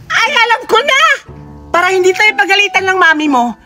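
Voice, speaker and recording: A woman's voice: very high-pitched, sing-song, a little fast. A woman voicing an eager, bossy little boy full of plans. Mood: scheming. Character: bold, scheming little boy Tope. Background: background music.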